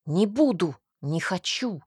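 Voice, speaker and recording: A woman's voice: lowish voice, lively intonation, slow pace, a little mellow, husky, no room sound, studio quality, exaggerated voice. A woman voicing a menacing, obsessive young man in an audiobook, speaking in a sugary, venomous, threatening tone. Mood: pleading. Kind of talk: audiobook character reading.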